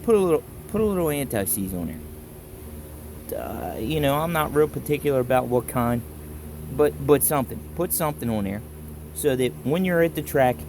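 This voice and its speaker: A man with a Baltimore accent gives a casual, plain-spoken hands-on tutorial in halting, folksy phrases, talking to a handheld camera. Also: mid-range voice, big pitch swings, background noise. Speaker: instructor in a do-it-yourself tutorial. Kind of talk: casual hands-on how-to explanation. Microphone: handheld camera held while demonstrating.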